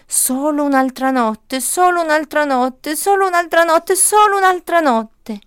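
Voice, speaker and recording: A woman's voice: measured pace, dry recording, studio quality. A proud, coaxing old tree, as a woman puts it on. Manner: sing-song, repeating phrases with rising pitch. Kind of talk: storybook read-aloud.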